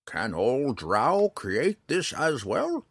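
A man voicing a stern, gruff male woodland hermit who scolds in a raised, high voice. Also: wildly swooping pitch, very slow, no echo, exaggerated voice. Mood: scolding.

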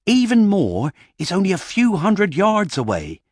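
A man's voice: sits high, wildly swooping pitch, unhurried, darkish tone, no room sound, studio quality, pitched above the performer's own voice, exaggerated voice. A man voicing a male gnome leader giving bold orders to his band. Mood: eager.

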